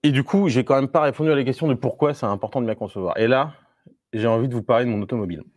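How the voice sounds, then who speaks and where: A man's voice: medium pitch, rapid-fire, a little mellow, no echo, clean studio sound. A man talking to a live online meetup audience as a Scrum Master, in a conversational way with many fillers and restarts and a few playful asides.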